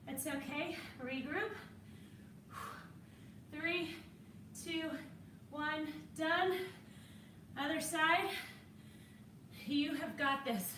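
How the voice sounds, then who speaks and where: A woman's voice: high-pitched, a bit bright, roomy sound, recorded from a distance, a little hiss or hum. A woman fitness instructor coaching a workout while exercising alongside, encouraging and a little winded.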